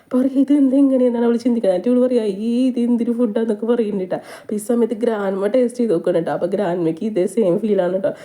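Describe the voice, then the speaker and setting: A woman, casually retelling a drama plot in rapid chatty storytelling. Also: fairly high pitch, dark tone. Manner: rapid chatty retelling, frequent tag "ട്ടോ". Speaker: movie recap narrator.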